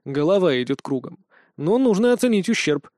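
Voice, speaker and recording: Guy reading a snappy annoyed sister, dark mellow voice, dry sound. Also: high-pitched, very animated, a little fast, dry recording. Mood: indignant. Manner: blunt, indignant. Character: narrator's sharp-tongued younger sister.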